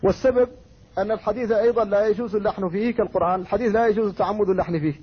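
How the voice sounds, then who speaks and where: High-voiced husky male scholar lecturing. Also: steady tone. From Mauritania. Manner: measured, explanatory, reciting quoted verses and poetry. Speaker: Islamic scholar teaching Quran recitation. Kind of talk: classroom lecture. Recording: dull lo-fi recording.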